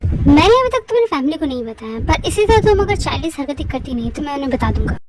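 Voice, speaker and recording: A woman's voice: sits high, big pitch swings, fast talker. A woman voicing a protective, bossy young man in a fan audio drama, scolding and doting by turns. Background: background music.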